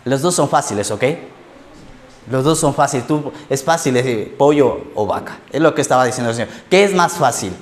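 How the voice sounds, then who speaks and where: A man's voice: medium pitch, animated, fairly quick. A man preaching a sermon as a pastor in a church, telling stories and acting out quoted lines, often checking in with the congregation.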